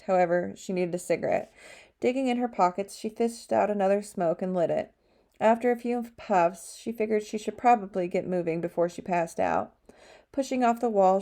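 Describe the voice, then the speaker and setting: A woman narrating an audiobook chapter with a steady storytelling delivery. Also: mid-range voice. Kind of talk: scripted narration.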